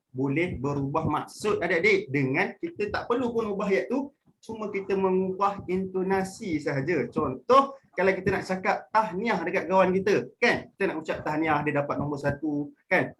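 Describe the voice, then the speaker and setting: Seorang pria muda dari Malaysia yang melatih pelajar sekolah dalam webinar daring. Ia berbicara dengan lincah dan suka bercanda, lalu naik-turunkan nada untuk memberi contoh intonasi. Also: male voice, a little hiss or hum. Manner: lively, playful, switches pitch to demonstrate intonation. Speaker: public speaking trainer. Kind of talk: online workshop for students. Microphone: video call.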